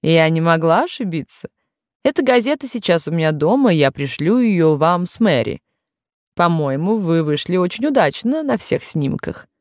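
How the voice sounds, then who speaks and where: A woman's voice: lowish voice, very animated, normal speed, dry recording, clean studio sound. A woman voicing a tactless, gossipy middle-aged neighbor in an audiobook, speaking eagerly.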